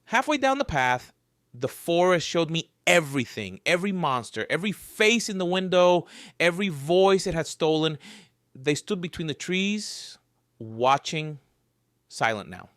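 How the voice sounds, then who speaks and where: A man's voice: on the high side, big pitch swings, a little slow, a bit bright, no echo, clean studio sound. A man telling a scripted first-person horror story with a wry, joking edge. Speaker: narrator.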